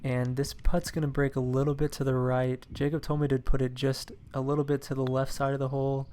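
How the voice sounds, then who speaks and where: A young man, a scratch golfer, calmly recapping his own golf shots in a matter-of-fact voice-over. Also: mid-range voice, fairly quick, a little hiss or hum.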